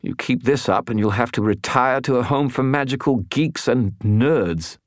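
A man's voice: medium pitch, normal speed, dry recording, clean studio sound, voice pushed up, natural voice. A man voicing a grumbling, whiny male spirit that lives in a skull, for an audiobook. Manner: whiny, complaining.

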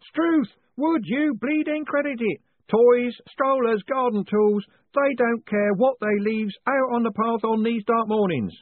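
A man voicing a chorus of grumbling old male postmen, loud and complaining. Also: extremely high pitch, measured pace, hardly any pauses, dry recording, narrow, tinny audio, voice pushed up.

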